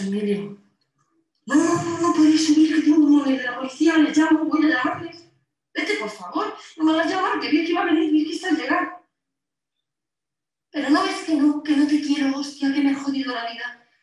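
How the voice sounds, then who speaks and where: A harassed woman from Spain, tense and pleading as she argues with her ex through the intercom. Her voice sits high. The clip is played back from a distance, echoing heavily through a large hall. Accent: Spain Spanish. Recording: echoey distant playback in a hall.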